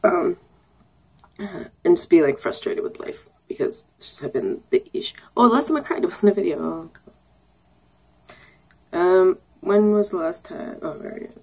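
Giggly young woman with a husky voice. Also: on the low side, expressive, moderate pace, long pauses, warm tone, low-quality recording. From Canada. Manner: giggly, rambling, says um a lot, sarcastic. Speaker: vlogger. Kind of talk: casual get-to-know-me vlog.

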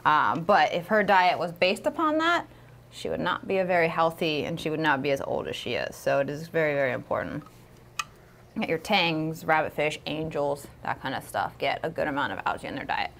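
A woman's voice: low voice, lively intonation, brisk, a bit bright, slight background noise. A woman co-hosting a casual livestream, chatty and upbeat with lots of fillers while she demonstrates. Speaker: co-host of a livestream. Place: aquarium studio.

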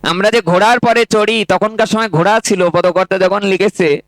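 A man's voice: sits high, steady tone, a bit bright, no room sound, poor audio. A man preaching a devotional story sermon, breaking into chanted verses and speaking directly to the women listening. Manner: drawn-out chanting delivery, dramatic voicing of quoted characters. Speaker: Bhagavata reciter.

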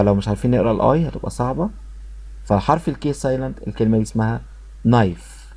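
A man's voice: on the low side, mellow, husky. A man with an Egyptian Arabic accent teaching an English lesson, drilling each word by repeating it and talking straight to his students. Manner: repeats words slowly to drill pronunciation; addresses students directly. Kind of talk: classroom lesson explanation.

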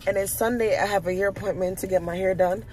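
A woman's voice: mid-range voice, fairly even intonation, quick pace, darkish tone, rough recording. Young adult woman, casual vlogger, talking to viewers from a car, faint road noise. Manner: chatty and informal, addresses viewers as y'all. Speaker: vlogger and new graduate nurse. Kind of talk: casual vlog chat.

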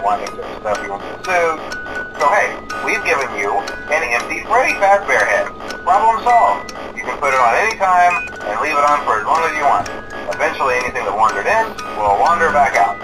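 An actor playing a chatty, awkwardly reassuring company guide leaving a folksy orientation message in a horror game. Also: male voice, fairly high pitch, very animated, a little fast, low-quality recording. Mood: casual, explaining. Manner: hesitant, folksy, upbeat corporate patter. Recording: loud game ambience and music behind.

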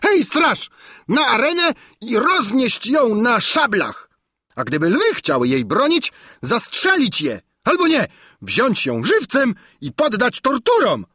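A man's voice: extremely high pitch, wildly swooping pitch, takes it slowly, bright, forceful tone, breathy edge, dry recording, clean studio sound, voice pushed up, exaggerated voice. A man voicing a cruel, hot-tempered tyrant king who shrieks out orders in an audiobook. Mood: furious shouting. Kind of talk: audiobook character voice.

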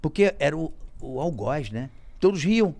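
A man from Rio de Janeiro, a comedian guest, telling stories on a podcast in a casual way and acting out quotes with sudden loud shouts. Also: on the high side, very animated, moderate pace, creaky. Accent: Brazilian Portuguese, Rio de Janeiro. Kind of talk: casual storytelling.

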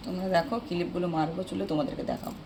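Hoarse, gravelly-voiced woman vlogger. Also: on the low side, fairly even intonation, very fast. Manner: chatty, addresses viewers directly. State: hoarse, strained voice from a sore throat. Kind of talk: casual chat to viewers. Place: room at home. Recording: roomy echo, distant mic, noisy background.

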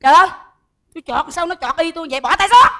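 An actress, who talks in rapid, teasing, exclamatory bursts. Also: female voice, very high-pitched, a bit bright. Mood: scolding banter. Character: sharp-tongued bossy woman performer, quick to mock. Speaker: comedic lead. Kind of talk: stage comedy sketch.

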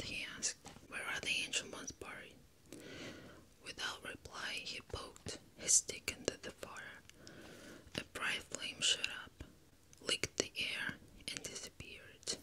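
A young woman whispers a book softly from ear to ear into a close binaural microphone, in an unhurried ASMR style. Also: low-quality recording. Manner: soft, unhurried, fully whispered. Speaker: ASMR host. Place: small indoor room. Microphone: close binaural microphone in a plush cover.

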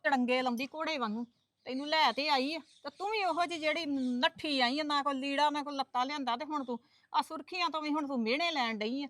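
Woman playing a mother, lecturing, fussing, high voice. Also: a little fast, a bit bright, no room sound. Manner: lecturing, fussing with sighing exclamations. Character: fussing mother lecturing her married daughter. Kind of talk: comedy skit acting.

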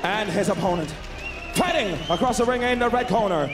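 A man in his thirties announcing fighters as a boxing ring announcer, booming and theatrical, drawing out the names over an arena PA. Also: background noise. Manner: booming, theatrical, drawn-out name calls. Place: large indoor fight arena, in the cage. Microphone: handheld microphone over arena PA. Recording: echoey arena PA, crowd and music.

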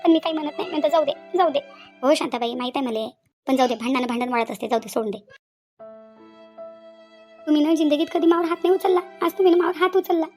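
Woman doing shrill bickering village women. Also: fast talker, long pauses, mellow, faint music behind, lightly acted. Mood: aggrieved. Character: quarrelsome middle-aged village women, bickering. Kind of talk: cartoon voice acting.

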